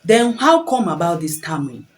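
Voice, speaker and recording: A woman's voice: lowish voice, sing-song, moderate pace, soft background music, poor audio. A woman giving parenting advice in an earnest, preachy way, repeating phrases and asking rhetorical questions. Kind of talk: preachy advice talk to camera.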